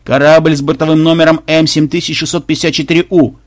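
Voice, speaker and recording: A man voicing the stiff, formal loudspeaker voice of an imperial flagship. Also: fairly high pitch, level tone, fast talker, no echo, studio quality, lightly acted. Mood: commanding. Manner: formal, repetitive official commands.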